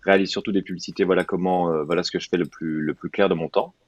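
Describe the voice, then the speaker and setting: A man's voice: sits low, steady tone, fast, dry recording. A man in his thirties chatting informally as a remote interview guest, rambling and joking, over a video call. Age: 30s. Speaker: interview guest, advertising director. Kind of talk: casual remote interview chat. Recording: slightly dull, lo-fi call audio.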